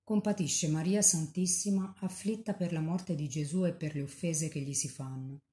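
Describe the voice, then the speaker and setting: A nun reading a devotional text aloud in a measured, calm way. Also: female voice, deep voice.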